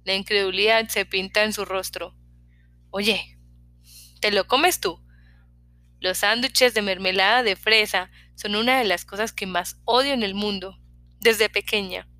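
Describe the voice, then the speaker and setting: Bright-voiced woman reading a novel. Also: medium pitch, dry recording. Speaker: audiobook reader. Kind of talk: scripted first-person narration.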